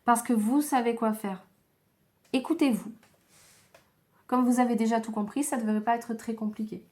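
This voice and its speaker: A woman giving a slow, gentle tarot reading to viewers, tired and low on energy, with frequent hesitations. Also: fairly even intonation. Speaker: tarot card reader.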